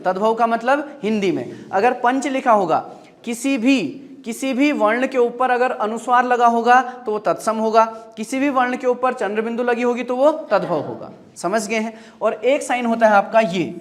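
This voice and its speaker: A man teaching a grammar lesson. He asks the class short repeated questions and answers them himself. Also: very high voice.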